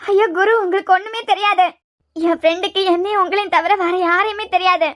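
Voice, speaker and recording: A woman doing a shrill, melodramatic young man. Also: fairly even intonation, brisk, a bit bright. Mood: fretting. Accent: Kanyakumari Tamil. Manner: wailing, melodramatic. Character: overwrought young man fussing over his friend. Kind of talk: cartoon web series voice acting.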